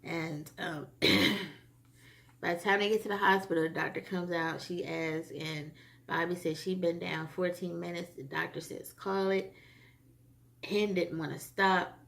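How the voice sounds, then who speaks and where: A woman with a low, gravelly voice recapping a TV episode in a loose, rambling way. She talks casually and leans on frequent fillers as she works through what happened. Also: steady tone, normal speed. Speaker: TV episode reviewer.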